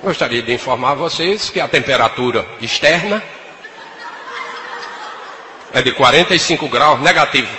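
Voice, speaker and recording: A man mimicking an airline captain making slow, pompous cabin announcements. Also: medium pitch, lively intonation, sharp tone, long reverb tail, a little hiss or hum, pitched below the performer's own voice. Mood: droning. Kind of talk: stand-up comedy impression.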